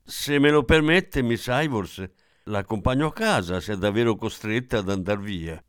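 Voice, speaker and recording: A man reading the part of a polite, hesitant gentleman, formal and courteous. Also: fairly low pitch, normal speed, clear, resonant tone, no room sound, clean studio sound, lightly acted.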